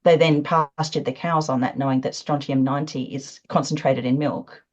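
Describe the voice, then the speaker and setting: A woman's voice: rumbling low, steady tone, normal speed, darkish tone. A woman speaking earnestly on a video call, with frequent fillers. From Australia. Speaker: panel guest. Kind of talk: conversational commentary on a video call. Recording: dull lo-fi call audio.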